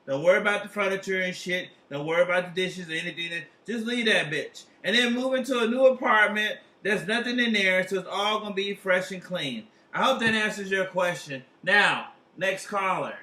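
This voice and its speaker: A man's voice: high-pitched, moderate pace, hardly any pauses, bright, forceful tone. A man hosting a comic advice hotline, talking in a rambling, slangy, profane and casual way. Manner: profane, slangy, rambling, repeats tag questions. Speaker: comedic tarot advice hotline host. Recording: roomy echo, distant from mic.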